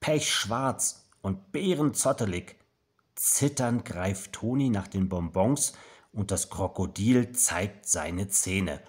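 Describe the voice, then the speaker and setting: A man reading a children's book aloud in a fairly low, husky voice. He takes his time and lets his pitch swing widely to bring the story to life. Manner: slow, expressive, animated storytelling. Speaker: storybook reader.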